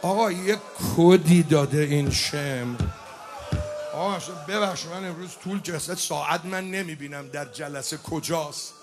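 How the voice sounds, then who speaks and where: A man's voice: on the high side, over music. A man leading a religious mourning gathering, switching between impassioned speech and chanted lament and calling on listeners to cry out. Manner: shouts and cries out, urging the audience to weep and respond.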